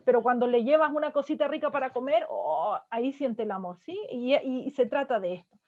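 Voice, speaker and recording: Higher-voiced woman lecturing on parenting. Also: brisk. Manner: checks in with listeners constantly with short tag questions. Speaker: family counselor giving a parenting talk. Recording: dull lo-fi sound.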